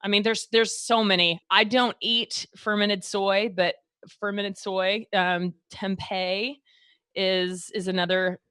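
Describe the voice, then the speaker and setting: A woman's voice: mid-range voice, steady tone, slow pace, sharp tone, smooth, no echo. Chatty Texan woman hosting a podcast. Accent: Texas. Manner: chatty, lots of fillers and restarts. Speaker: podcast host, doctor. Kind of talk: casual podcast chat.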